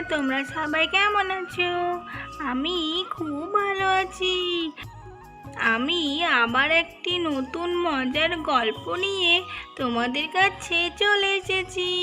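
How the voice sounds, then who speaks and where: A woman telling a doll-play story for kids, greeting viewers and doing the characters' voices in a playful, childlike manner. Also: extremely high pitch.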